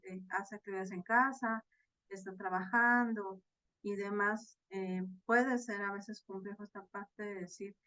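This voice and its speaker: A woman's voice: mid-range voice, fairly bright tone, no room sound. Woman tutor on a video call. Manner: explanatory, many fillers and tag questions. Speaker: online course tutor. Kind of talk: virtual class lecture. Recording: slightly dull, dry video-call audio.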